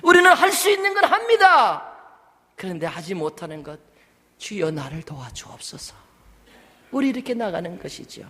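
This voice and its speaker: Pastor with a high, booming voice. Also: male voice, sing-song, normal speed, long pauses, in a large hall. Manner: swings from quiet talk to shouted prayers, with humor. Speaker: senior pastor. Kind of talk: sermon. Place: church sanctuary.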